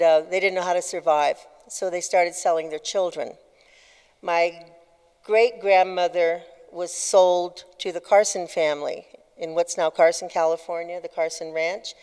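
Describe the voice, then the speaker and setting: A woman leading a group session, telling her family's history in a conversational, halting way. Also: fairly low pitch, a little mellow, clear, resonant tone. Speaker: workshop leader. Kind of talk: personal storytelling talk. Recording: long hall reverb.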